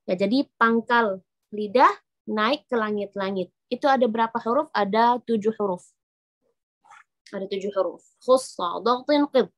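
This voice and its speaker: A woman's voice: medium pitch, moderate pace, pauses often, a bit bright. A woman teaching Arabic letter pronunciation, explaining patiently, repeating each point and demonstrating the sounds. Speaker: Quran recitation teacher.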